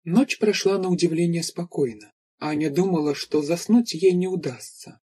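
A man reads an audiobook in steady, measured narration. His voice is husky and breathy and sits somewhat high for a man. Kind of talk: scripted narration.

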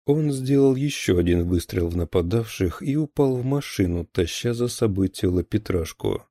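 A man narrating a thriller audiobook in a steady, even storytelling voice. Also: lowish voice, moderate pace, no room sound, clean studio sound.

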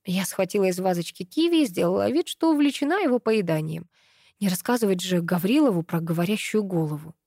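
A woman narrating an audiobook in an even, plain reading manner. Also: mid-range voice, brisk, no echo, studio quality. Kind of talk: scripted narration.

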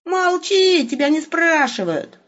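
A woman reading an audiobook and voicing a blunt, quick-tempered young man known as the Wolf. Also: extremely high pitch, big pitch swings, fairly bright tone, voice pushed up, exaggerated voice. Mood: gruff. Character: blunt, grumpy young male companion called the Wolf. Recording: muffled lo-fi recording.

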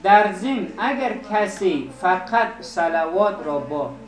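A man's voice: sits high, lively intonation. Man teaching recitation in an echoey classroom. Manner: slow, deliberate, repeats words to correct pronunciation. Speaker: Arabic teacher. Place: seminary classroom. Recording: roomy classroom echo.

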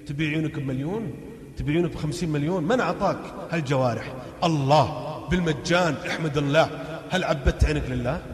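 A man preaching a fervent sermon, switching between loud exhortation and hushed warnings and chanting verses, recorded in a large hall or mosque. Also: mid-range voice. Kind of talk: impassioned sermon. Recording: echoey hall, long reverb.

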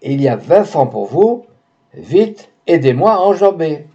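A man's voice: very animated, unhurried, dark tone, muffled recording. A man putting on a chatty young maid. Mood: urgent. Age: 20s. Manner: chatty, insistent, shrill when frightened. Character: young female maid, talkative, then terrified.

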